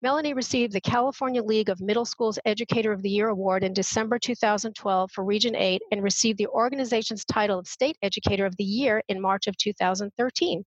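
A woman's voice: medium pitch, fast talker, hardly any pauses, dry recording, muffled recording. A woman hosting a radio interview show in an upbeat way, reading her introductions with care.

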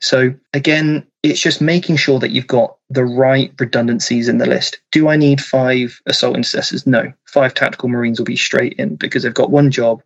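A man's voice: medium pitch, vocal fry, breathy edge. A man explaining strategy in casual talk, posing questions and answering them himself, as an experienced game player would. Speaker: competitive tabletop wargame player. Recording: dull, lo-fi mic sound.

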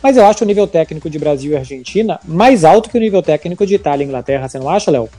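Male Brazilian sports podcast host, conversational, higher-pitched, faint music behind. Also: expressive, rapid-fire, mellow.

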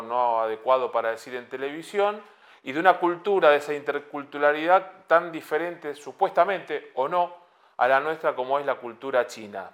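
A man's voice: on the high side, a bit bright. A man hosting a TV interview, chatty and joking, asking long winding questions. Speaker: TV talk show host. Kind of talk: conversational interview.

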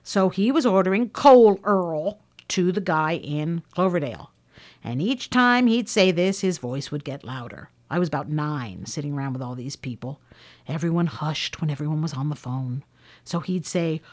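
A woman reading aloud someone's first-person recollections in a lively storytelling manner. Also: sits low, moderate pace. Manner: lively storytelling with shifts in loudness. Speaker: reader of recorded recollections.

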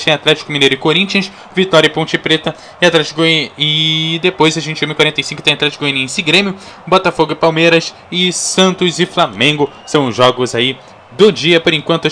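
Bright, forceful Brazilian male scores reporter. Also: fairly high pitch, slight background noise. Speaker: radio football scores reporter. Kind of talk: live scores and fixtures update.

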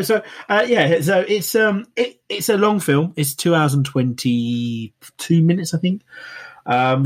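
A man, hosting a podcast and reviewing a film in rambling casual chat full of fillers. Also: mid-range voice. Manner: rambling, many fillers and restarts. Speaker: podcast co-host reviewing films.

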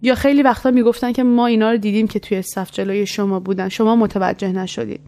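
A woman casually telling a story from her childhood, in a conversational way. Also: mid-range voice. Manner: conversational, animated when quoting.

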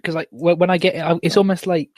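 A man's voice: on the high side, fairly even intonation, fast talker, dry recording, clean studio sound. Rambling man hosting a podcast. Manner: rambling, self-deprecating, jokey. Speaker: podcast host. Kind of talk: casual chat.

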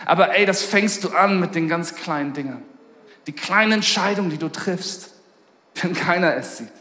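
A man's voice: high-pitched, normal speed, bright, forceful tone. A man preaching a sermon in a casual, slangy storytelling way, fervent about his message. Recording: echoey hall with long reverb.

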